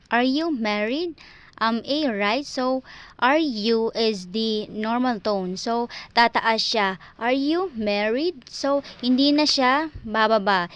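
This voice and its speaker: A woman with a Filipino accent gives a class presentation. She explains each point slowly and step by step in a voice pitched a little high. She mixes English and Filipino as she goes. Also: smooth, no room sound. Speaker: student presenter.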